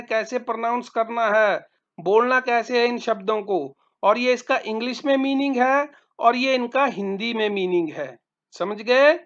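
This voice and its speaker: A woman teacher slowly explaining English words, patiently repeating and spelling them out letter by letter. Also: a little high, fairly bright tone, lo-fi sound.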